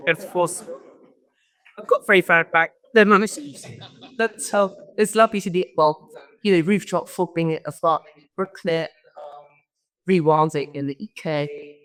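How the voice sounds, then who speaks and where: As a guest speaker at a conference, a woman gives an informal, rambling talk, often interrupting her own stories. Her voice is lowish with fairly even intonation at normal speed, and the large event hall adds long reverb.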